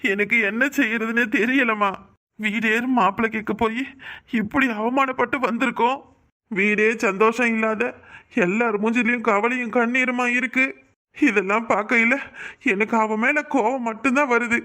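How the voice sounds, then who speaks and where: A man's voice: very high-pitched, fairly even intonation, moderate pace, bright, forceful tone. Man voicing a stern village farmer husband. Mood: troubled. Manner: gruff, scolding, then troubled. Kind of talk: cartoon voice acting.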